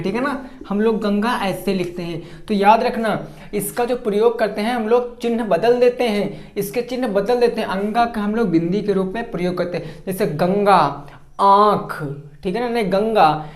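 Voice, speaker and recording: Male teacher in an echoey room. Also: high-pitched. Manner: asks a question then answers it, often checks understanding; drawn-out words for examples. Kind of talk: exam-prep grammar lesson.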